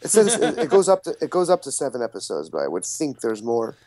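Quick-talking podcast co-host, matter-of-fact. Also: male voice, mid-range voice, huge pitch swings, dark tone, no echo. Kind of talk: casual podcast chat.

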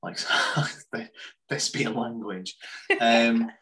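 A man's voice: mid-range voice, steady tone, very slow, bright, forceful tone, rough recording. A man co-hosting a casual podcast, talking in a thoughtful, meandering way full of restarts. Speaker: co-host and coach.

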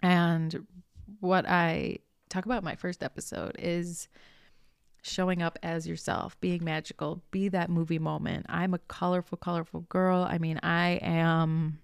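A young adult woman with a low, gravelly voice talks through a relaxed motivational monologue. She is chatty and earnest, slips into soft whispers and swears casually. The sound is close and dry, with no room around it. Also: measured pace, dry recording. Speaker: podcast host, spiritual coach.

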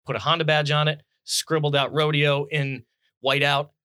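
Bright-voiced man in casual car chat. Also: a little high, little pitch movement, moderate pace, smooth, no room sound, clean studio sound. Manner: talks over others, stammers on restarts. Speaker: podcast host.

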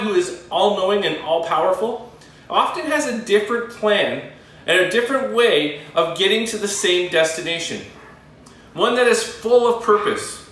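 A male pastor giving a sermon with earnest, emphatic pauses. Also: sits high, pushed and bright. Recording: very echoey room, voice from a distance.

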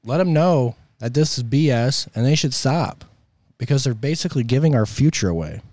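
A man's voice: mid-range voice, expressive, normal speed, a little mellow, no room sound, studio quality. An American man with a sore throat, delivering an opinionated political monologue in an emphatic, exasperated, colloquial way. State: sore throat with coughing and throat clearing. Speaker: host of a political commentary show.

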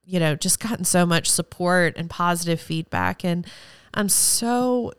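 A woman hosts a solo podcast, speaking in an effusive, rambling way that keeps turning emotional. Her voice sits a little low and sounds very smooth and clean. It is recorded dry and close, with no room echo. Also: unhurried. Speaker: podcast host; former teacher.

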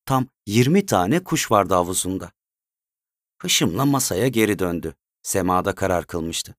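A male storyteller reads a written story in a steady, measured way. His voice sits low. The recording is dry and close, with no room echo. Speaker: narrator. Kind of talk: scripted story narration.

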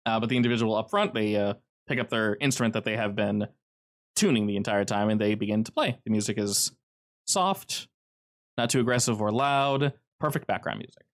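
Game master with lots of filler. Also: male voice, on the low side, brisk. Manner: relaxed, filler-heavy narration. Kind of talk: narrating a tabletop game.

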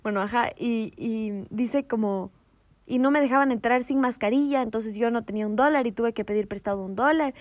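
A woman telling a story in casual chat, animated and laughing, dropping in English slang. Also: a little high, brisk, no room sound.

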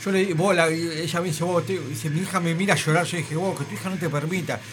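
Rambling, high-voiced man on radio. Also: steady tone, quick pace. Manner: rambling, emphatic storytelling with frequent filler words. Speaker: radio host. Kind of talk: casual radio banter.

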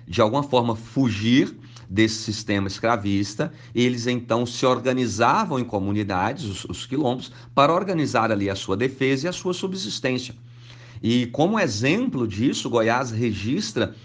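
A man, a history professor explaining in a conversational way, often checking in with the listener. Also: medium pitch. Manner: conversational, many fillers like né. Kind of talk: interview explanation.

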